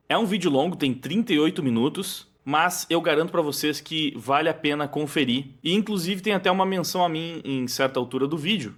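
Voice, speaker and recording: Chatty Brazilian man hosting a react video. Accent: Brazilian Portuguese. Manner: chatty, digressive, lively pitch swings. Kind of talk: casual react commentary.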